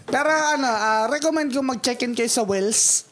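A man's voice: very high voice, normal speed, a bit bright. A young man hosting a casual podcast chat, laid-back and slangy, laughing often. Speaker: podcast host.

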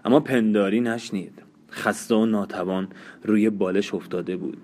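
A man narrating an audiobook in a slow, sombre, measured way. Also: on the low side, steady tone, darkish tone. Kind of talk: audiobook reading.

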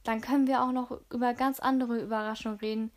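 Composed lady of the house, read by a woman, polite and measured, fairly high voice. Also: level tone, close to an everyday voice. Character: composed mother, controlled but nervous.

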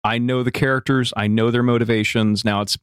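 A man's voice: mid-range voice, steady tone, brisk, clear, resonant tone, no echo. A man with an ordinary mid-range voice talks eagerly about preparing a tabletop game. His chat is casual and upbeat, picked up dry on a close mic. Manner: eager, chatty. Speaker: podcast co-host and game master.

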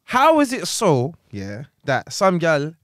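A young London man with a fairly high voice, recorded dry and close. He chats casually in thick slang as a podcast host, repeating himself for emphasis and spinning stories. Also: wildly swooping pitch, slow, a bit bright, no echo. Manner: repeats words, emphatic storyteller. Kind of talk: casual banter, slangy chat.

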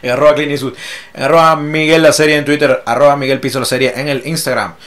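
Joking podcast host in a roomy echo. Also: male voice, a little high, fairly even intonation, fairly bright tone. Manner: joking, teasing, quick asides. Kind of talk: casual podcast banter. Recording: roomy echo, a little off-mic.

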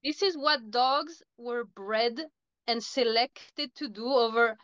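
A woman's voice: fairly high pitch, slow pace, clear, resonant tone, no room sound, muffled recording. A woman from Chile, a dog trainer co-hosting a podcast in casual chat, who animatedly voices what dogs think. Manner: animated, acts out dogs' thoughts in asides.

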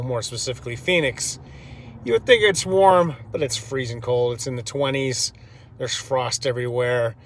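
A man in his fifties from Georgia in the US, telling a story to a handheld camera outdoors in front of his house, in a rambling, chatty way full of fillers and self-corrections. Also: mid-range voice. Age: 50s. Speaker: vlogger. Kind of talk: casual first-person storytelling to camera. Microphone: handheld camera held by the speaker. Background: faint street and construction noise.

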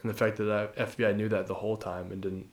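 A man's voice: on the low side, little pitch movement, fast talker. A man co-hosting a casual podcast about a movie, rambling, swearing casually and trailing off mid-sentence. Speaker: podcast co-host. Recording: roomy echo.

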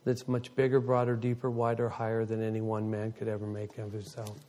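A brisk-talking man in his fifties, leader of his congregation's ministry, delivers a heartfelt testimony to them. He animates the story vividly, and excitement sends his voice surging high.

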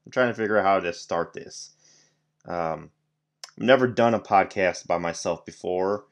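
A man's voice: deep voice, moderate pace. A man hosting a solo podcast, rambling casually with lots of fillers, restarts and offhand swearing. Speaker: podcast host.

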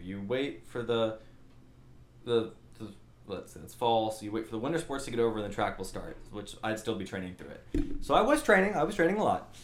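A young man spins a long personal story for his channel, rambling and poking fun at himself as he goes. His voice sits at an ordinary middle pitch, and the room around him adds a noticeable echo. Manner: rambling, animated, self-mocking, acts out quotes. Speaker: channel host. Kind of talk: casual storytelling monologue. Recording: roomy echo.

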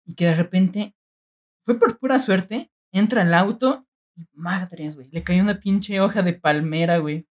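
A young woman with a Mexican accent telling her friends a story in a casual chat, animated and full of slang. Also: fairly low pitch, a little slow. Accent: Mexican Spanish. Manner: animated slangy storytelling, peppered with filler words.

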